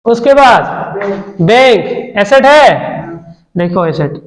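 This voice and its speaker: A man's voice: very high voice, animated, takes it slowly. A man tutoring an accounts class, quizzing students and repeating the figures aloud. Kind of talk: classroom lesson. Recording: echoey room.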